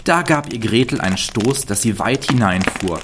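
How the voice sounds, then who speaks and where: Deep-voiced man reading a fairy tale. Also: background noise. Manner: calm, measured storytelling. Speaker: storyteller.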